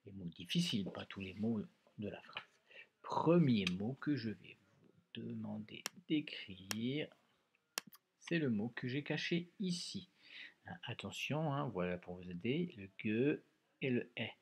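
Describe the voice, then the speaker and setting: A man teaching a dictation lesson to young pupils, slow and patient, spelling words out syllable by syllable and often adding "hein". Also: lowish voice, expressive, vocal fry, slight background noise. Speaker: primary school teacher. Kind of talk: recorded remote dictation lesson.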